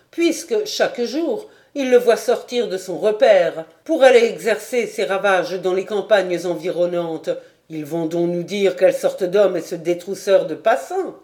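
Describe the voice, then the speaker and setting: A woman doing a loud, scornful sergeant. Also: medium pitch, moderate pace, close to an everyday voice. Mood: mocking. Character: insolent boastful male sergeant, mocking soldier.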